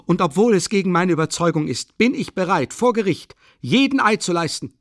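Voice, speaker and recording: Brief: a man voicing a high, shrill young zealot, vehement and wildly lively, dry close audiobook sound. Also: normal speed, dry recording. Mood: furious. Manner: shrill, vehement, repeating himself. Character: young earnest indignant male idealist.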